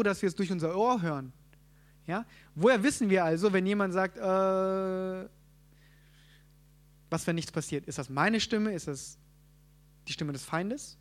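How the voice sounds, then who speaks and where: A man's voice: high voice, a bit bright. A man preaching a sermon, teaching a group and asking them questions. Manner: asks the audience questions, quick asides.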